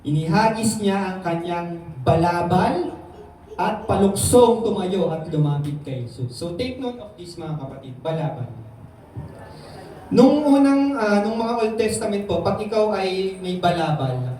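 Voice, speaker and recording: A man preaching, reading a verse and then retelling it in casual Taglish, and raising his pitch to act out the voices in the story. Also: lively intonation, unhurried, warm tone, slight background noise. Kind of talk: sermon reading and explaining scripture. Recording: very echoey room, voice from some distance.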